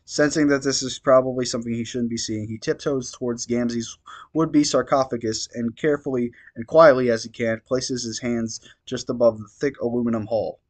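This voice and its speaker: A man reads fan fiction aloud in a steady, mid-range voice at a moderate pace. Now and then he trips over words and drops in wry asides.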